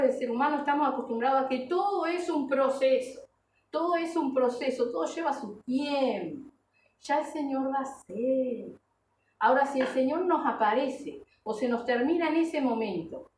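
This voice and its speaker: A preacher with a high, darkish voice gives a sermon to her congregation, exhorting them earnestly, asking them questions and checking in with short tags. She seems to stand some way from the mic in a very echoey room, and there's background noise.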